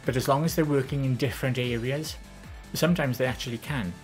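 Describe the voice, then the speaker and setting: A Welsh woman from the Valleys answers viewer questions on a live stream, talking fast with soft music in the background. Her voice is soft and gentle yet low and less feminine in tone, and she rambles chattily with lots of ums and self-corrections.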